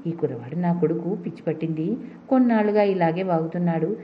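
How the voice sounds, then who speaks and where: A woman's voice: lowish voice, quick pace, natural voice. A woman voicing a harsh, brutal father in a storybook reading. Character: brutal angry father, an adult man. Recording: dull lo-fi recording.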